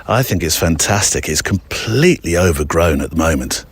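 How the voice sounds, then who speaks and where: A podcast host walks through an overgrown park outdoors, chatting casually to listeners in a rambling monologue with hesitant asides. His voice sits low and is expressive, with a breathy edge and normal speed.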